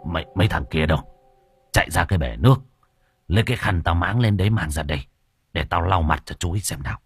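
A man doing a gruff, deep old village sorcerer. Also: lively intonation, full character voice. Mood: gruff scolding. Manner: gruff, scolding, hurried orders. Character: revered older male village healer-sorcerer, stern.

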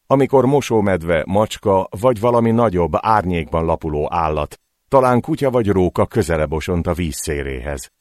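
Low, dry-voiced male storyteller. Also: no echo. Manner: dramatic, voicing cries in the scenes. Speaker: audiobook narrator. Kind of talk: scripted narration of a short story.

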